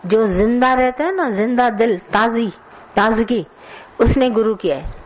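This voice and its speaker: A woman's voice: a little high, lively intonation, a little slow, dull audio, slight background noise. A woman giving a colloquial spiritual sermon, scolding and telling stories to her listeners. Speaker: spiritual teacher. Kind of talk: satsang sermon.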